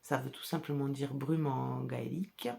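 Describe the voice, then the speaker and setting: A woman's voice: a bass voice, fairly even intonation, moderate pace, vocal fry, mellow. A woman with a regional French accent, chatting casually on her podcast about dyeing yarn colours and laughing often. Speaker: hand-dyer and shop owner hosting a podcast. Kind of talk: casual chat.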